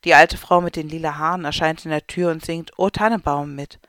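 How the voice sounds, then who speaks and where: A narrator reading a children's story aloud in a calm, clear way. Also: mid-range voice, fairly quick, no echo, clean studio sound. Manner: calm, clear read-aloud delivery with light voices for characters.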